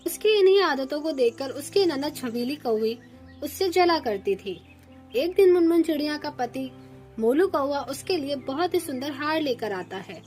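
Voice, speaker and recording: High-voiced woman storyteller, steady cartoon narration, soft music behind. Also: moderate pace.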